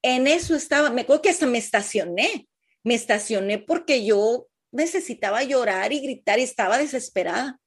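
A middle-aged woman with a Mexican Spanish accent telling the listeners her personal cancer story in a heartfelt, halting way. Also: fairly high pitch, lively intonation, slightly rough. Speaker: breast cancer patient sharing her story. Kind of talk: emotional personal testimony.

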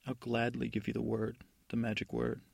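A man's voice: medium pitch, monotone, normal speed, creaky, a little mellow, breathy edge. A man doing a stern jailed godmother. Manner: stern warnings, rambling restarts. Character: stern jailed fairy godmother, woman, threatening.

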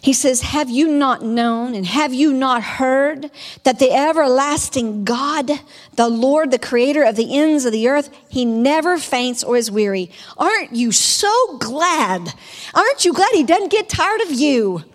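A woman preacher giving a sermon, reading scripture aloud and then exhorting her listeners in an animated way. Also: high-pitched, a little slow, long reverb tail.

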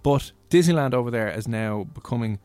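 An Irish man with a Dublin accent hosting casual radio chat in an animated, jokey, conversational way. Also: medium pitch, fairly quick, clear, resonant tone, no room sound. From Ireland. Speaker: radio host.

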